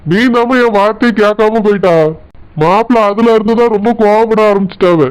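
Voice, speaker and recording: A man's voice: high voice, steady tone, a little fast, smooth, close to an everyday voice, poor audio. A man voicing a kind, protective older brother in a cartoon, with a Tirunelveli Tamil accent and a soothing, reassuring manner.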